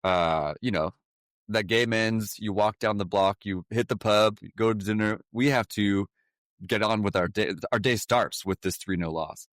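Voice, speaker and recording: A man co-hosting a casual podcast, with a wry, deadpan sense of humor. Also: lowish voice, moderate pace, no echo, clean studio sound. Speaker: podcast co-host.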